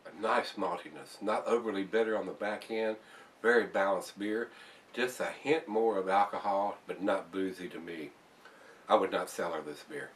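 A man's voice: sits low, normal speed, recorded from a distance. An older man casually reviewing a beer to camera in his home bar, rambling with fillers and restarts. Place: home bar room, indoors.

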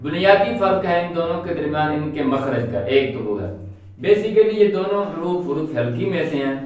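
A man's voice: a little high, animated, normal speed, darkish tone, recorded from a distance. A man teaching Quran recitation, patiently explaining and drawing out letter sounds to demonstrate them. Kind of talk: explanatory lesson. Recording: echoey room, voice off-mic.

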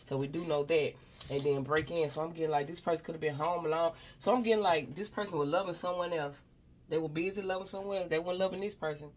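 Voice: medium pitch, fairly even intonation, fast. Rambling spiritual advisor speaking casually. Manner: rambling, repeats "you know what I'm saying"; speaks straight to an unseen person, sighs between thoughts. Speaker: spiritual advisor giving a reading. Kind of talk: casual spoken reading to viewers.

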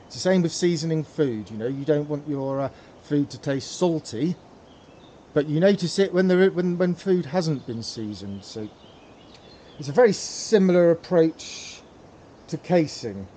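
A pipe tobacco hobbyist hosts a casual how-to demonstration on his channel, speaking hesitantly with many fillers and repeated words. His voice is fairly high, mellow, and lively in intonation at a measured pace, with a little hiss or hum in the recording.

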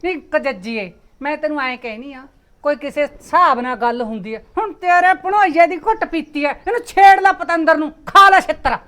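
A woman's voice: high voice, moderate pace. A woman playing an older village mother with a scolding manner and a Punjabi accent. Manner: scolding, sharp-tongued. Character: sharp-tongued village mother, scolding her daughter-in-law. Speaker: mother of the husband.

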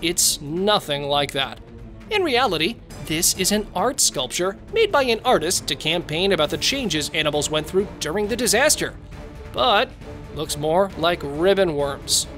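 A man reading scripted nature documentary narration as a presenter, in measured phrases. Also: high voice, very animated, a bit bright. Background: music.

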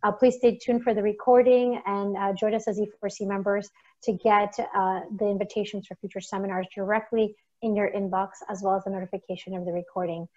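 A woman hosting an online seminar, wrapping up with thanks and announcements in a measured way over a video call. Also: mid-range voice, level tone, darkish tone. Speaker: webinar host. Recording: dull lo-fi call audio.

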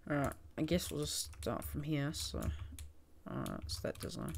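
A New Zealand-accented voice with a gravelly edge mutters and counts through a building tutorial, often correcting itself. A faint hiss sits under it, with keyboard typing and mouse clicks behind. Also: mid-range voice, moderate pace. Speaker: Minecraft builder giving a tutorial. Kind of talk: casual think-aloud commentary while building.

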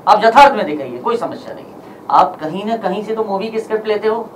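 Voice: medium pitch, animated, fast talker. Distant, accusing voice at a press conference. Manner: accusing, rhetorical questions. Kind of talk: impassioned press statement. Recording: distant mic with faint background noise.

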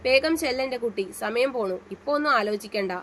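A protective young husband, firm yet tender, in a storybook reading, as a woman narrator puts him on. The voice runs rather high for a man. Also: a little fast, a bit bright, a little hiss or hum, natural voice. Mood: reassuring.

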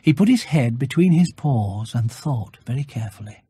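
A man narrating a children's story from a script in a measured, expressive storytelling manner. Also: medium pitch, breathy edge, no echo, clean studio sound. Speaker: audiobook narrator.

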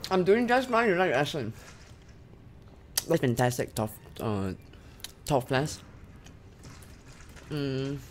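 Livestreaming a horror game from a small bedroom, a young woman with a Singaporean accent talks to her chat, swearing and shrieking at the scares. She speaks low and slowly with lively intonation and frequent pauses, through a studio mic on an arm with headphones, with a little hiss or hum.

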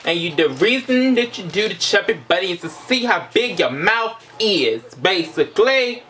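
Bright-voiced young man vlogging. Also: high-pitched, very animated, moderate pace, slight background noise. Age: young adult. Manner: informal, playful asides with swearing. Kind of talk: casual chat to camera. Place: small indoor room.

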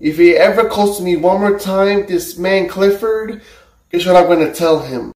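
A man's voice: high-pitched, measured pace, a little mellow. A man in his thirties speaking emphatically and repetitively to camera, warning viewers. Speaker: prank video host. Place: small room and parked car interior. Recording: roomy, distant from the mic.

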